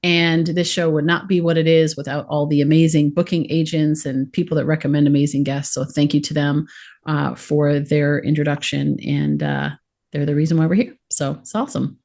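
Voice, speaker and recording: A woman's voice: sits low, level tone, normal speed, gravelly, a little mellow. A woman hosting a podcast, introducing her guest and asking questions in an upbeat way. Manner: upbeat, enthusiastic. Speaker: podcast host. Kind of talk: scripted introduction then interview.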